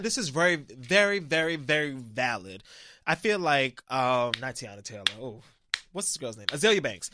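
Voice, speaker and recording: A man co-hosting a podcast in casual chat, animated and swearing freely, with a slightly sick voice. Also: dry recording, clean studio sound. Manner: animated, swears freely, jumps high in pitch when riled. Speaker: podcast co-host. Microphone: studio mic.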